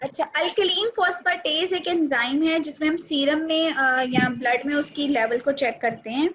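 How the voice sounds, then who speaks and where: A woman teaching a nutrition class online, explaining patiently step by step with small pauses. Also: sits high, a bit bright. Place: home video call. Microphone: laptop or phone mic on a video call. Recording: dull, lo-fi video call audio with faint noise.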